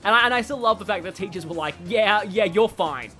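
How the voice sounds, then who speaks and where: A game streamer rambles casually through livestream commentary, chatting and reacting out loud to the game as game music plays behind him. The voice is medium-pitched, fairly quick, and sharp in tone.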